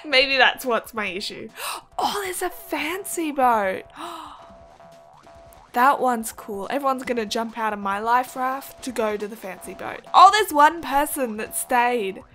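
Excitable high-voiced woman narrating gameplay. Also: takes it slowly, soft background music. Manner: excitable, gasping and giggling, chatty reactions. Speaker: gaming video host. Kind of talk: game commentary.

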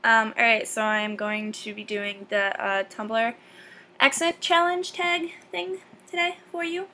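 A woman's voice: fairly high pitch, measured pace, sharp tone, poor audio. A young woman from Massachusetts with a Boston-area New England accent, chatting in a casual vlog and reading out a word list with lots of ums. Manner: hesitant, full of ums, reads a word list. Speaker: vlogger.

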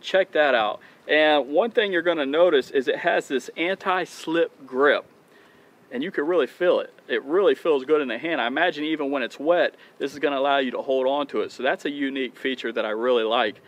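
A man's voice: mid-range voice, a little fast, a bit bright. Chatty man unboxing a fishing rod outdoors. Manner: enthusiastic, chatty, addresses viewers as guys. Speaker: fishing channel host. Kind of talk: casual product unboxing. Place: outdoors on a dock by open water.

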